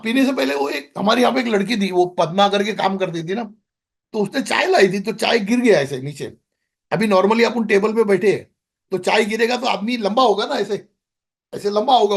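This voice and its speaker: A man's voice: high-pitched, creaky. A middle-aged man, a podcast guest, telling a rambling story in casual conversation, with many restarts.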